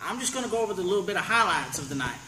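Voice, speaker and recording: A man's voice: high-pitched, very animated, very fast. A man hosting a wrestling promo show, running through matches and interviewing as he goes. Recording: echoey room with faint background noise.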